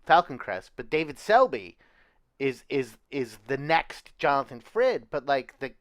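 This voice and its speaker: Smooth-voiced man telling rambling anecdotes. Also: medium pitch, sing-song, a little slow, a bit bright, no room sound. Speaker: podcast co-host. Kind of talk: casual chat.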